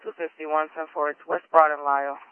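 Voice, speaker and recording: A man working as a police dispatcher, calling units over the radio in brisk, clipped codes. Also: on the high side, little pitch movement, clean tone, dry recording. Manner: clipped, brisk code calls. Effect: police radio transmission. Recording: tinny narrowband police radio.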